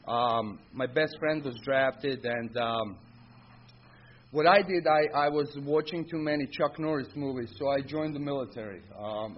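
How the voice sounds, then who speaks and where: A middle-aged man with a Croatian accent shares his story at an Alcoholics Anonymous meeting, giving an informal personal recovery testimony live. He is blunt and candid, speaking in short, punchy sentences, and the audio is dull and lo-fi with clear background noise.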